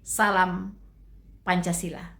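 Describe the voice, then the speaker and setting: A woman's voice: on the low side, flat delivery, slow, vocal fry, a bit bright. A woman giving casual commentary to her viewers, chatty and full of trailing fillers. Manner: chatty, addresses listeners as friends, trailing fillers.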